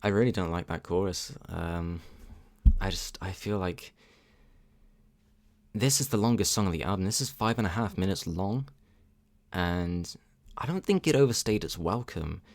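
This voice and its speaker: A man reviewing a song in a casual reaction video, thinking aloud with frequent ums and restarts and giving candid, measured opinions. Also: deep voice, a little mellow. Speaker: music reaction channel host. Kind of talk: casual spoken music review.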